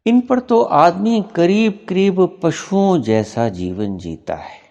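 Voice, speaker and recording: Man, spiritual teacher, discourse, very lively pitch, deliberate, repeats points for emphasis. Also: muffled recording. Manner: slow, deliberate, explaining with emphatic repetition. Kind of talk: spiritual discourse answering a question.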